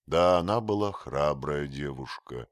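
A man's voice: rumbling low, lively intonation, measured pace, dry recording. A man doing Dick, a blunt young archer. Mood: blustering. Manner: loud and forceful.

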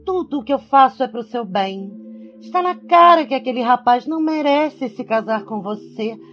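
A woman's voice: high voice, lively intonation, normal speed, fairly bright tone, dull audio, faint music behind. A woman playing a snobbish, controlling middle-aged rich mother in a radio soap opera, haughty, scolding and melodramatic.

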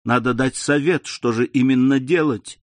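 A man's voice: medium pitch, normal speed, dry recording, natural voice. A man voicing a young woman torn by family duty, pleading in a raised voice.

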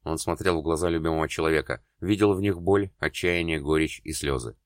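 A man reads dramatic prose aloud in a very deep, low voice, in a steady storytelling manner. The recording is close and dry, with no room sound. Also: brisk, no room sound. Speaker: audiobook narrator. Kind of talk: scripted narration.

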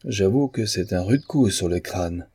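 A man's voice: low-pitched, lively intonation, unhurried, warm tone, slightly rough, no echo, full character voice. A man voicing a bitter, mocking male painter in an audiobook of a novel. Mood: scornful. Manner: sneering, sarcastic.

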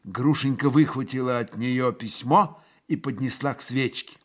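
A man's voice: mid-range voice, normal speed. A man narrating a literary text in a dramatic, theatrical reading. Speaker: reader.

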